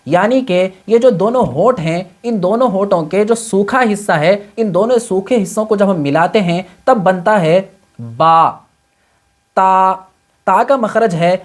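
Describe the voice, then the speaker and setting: A man teaching Quran reading with tajweed, explaining patiently step by step and mixing English words into his talk. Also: high-pitched. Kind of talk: tajweed lesson.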